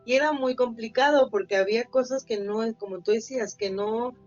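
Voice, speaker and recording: A woman's voice: fairly high pitch, fairly quick. A woman, chatting on a podcast and telling a personal story with plenty of fillers. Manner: anecdotal, acts out quoted voices, many fillers. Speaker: podcast co-host. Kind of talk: casual podcast chat. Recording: slightly dull lo-fi, faint music bed.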